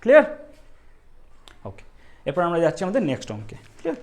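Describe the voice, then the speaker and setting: A male math teacher working through exam problems step by step, often asking the students if it is clear and telling them not to worry. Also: high-pitched, wildly swooping pitch, fast talker. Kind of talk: exam-prep math lesson.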